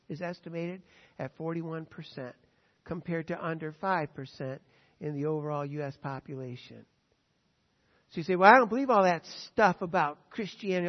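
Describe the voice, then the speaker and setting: Male pastor, high voice, emphatic sermon delivery; dull recording, long church-hall echo. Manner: emphatic preaching, swings between loud stresses and quiet asides.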